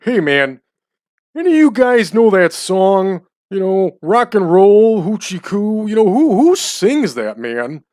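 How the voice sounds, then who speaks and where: A man's voice: high-pitched, sing-song, slow pace, a little mellow, voice pushed up, exaggerated voice. A man voicing a drunk, dazed barfly who slurs along and calls everyone man.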